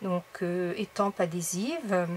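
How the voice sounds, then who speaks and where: A craft vlogger with a lowish voice chats casually to viewers in a haul video, slowly showing off the craft supplies she bought. Her talk is full of fillers and asides, with a little hiss or hum in the audio.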